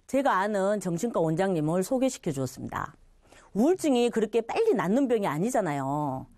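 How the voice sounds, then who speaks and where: A woman's voice: mid-range voice, a little mellow, no room sound, clean studio sound. A middle-aged woman telling her personal church testimony, acting out what others said and laughing now and then. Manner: storytelling with quoted voices and laughter.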